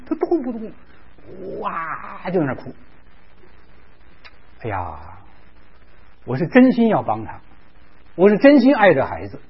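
Male preacher, sermon, very husky, animated storytelling, English words mixed in, muffled lo-fi sound. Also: on the high side. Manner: animated, acts out a story with quoted voices. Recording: dull lo-fi recording.

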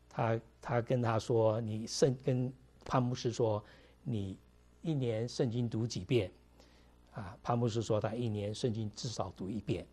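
A man's voice: on the low side, mellow, breathy edge. A middle-aged man, preaching a conversational sermon to his congregation with many fillers. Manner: conversational preaching, mixing English words, frequent fillers. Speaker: pastor.

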